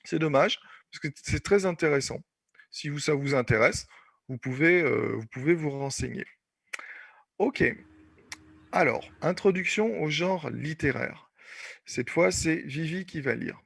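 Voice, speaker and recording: A man's voice: a little high, animated, measured pace, vocal fry, fairly bright tone, breathy edge, no room sound. A man teaching an online class, explaining patiently and repeating points with many fillers. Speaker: French teacher.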